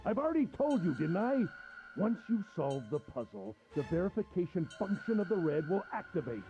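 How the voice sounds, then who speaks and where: Smug villain gentleman, fake polite, high voice that swoops around, kinda muffled game audio. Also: sing-song, normal speed, soft background music. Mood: taunting. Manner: smug, falsely polite, taunting, laughs cruelly. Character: sinister, mocking gentleman villain, adult man. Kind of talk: video game voice acting.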